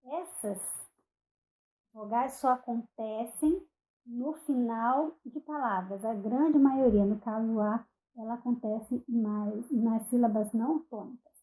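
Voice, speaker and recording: A woman with a Brazilian Portuguese accent giving a recorded online phonetics lecture, speaking deliberately, spelling out example words one at a time and checking in with "ok?". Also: on the high side, dark tone, poor audio. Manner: frequent "ok?" check-ins and self-corrections. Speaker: university lecturer.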